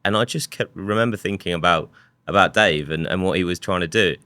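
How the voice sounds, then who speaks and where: Deep, bright-toned man reflecting. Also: fairly quick, clean tone, no echo. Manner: reflective storytelling with many restarts. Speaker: guest, software company co-founder. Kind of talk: casual conversational interview.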